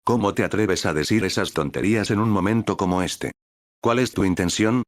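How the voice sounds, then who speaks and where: A man's voice: on the low side, a little fast, no echo, studio quality, close to an everyday voice. A man voicing an arrogant, haughty male trickster god who talks in an imperious, scornful way.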